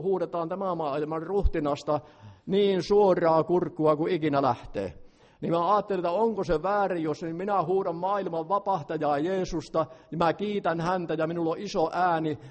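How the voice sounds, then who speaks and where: An older man preaching a revival sermon with a big, fervent voice and plainspoken asides. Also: sits high. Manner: loud, fervent, plainspoken with self-deprecating asides. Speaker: lay preacher. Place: large meeting hall. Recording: long hall reverb.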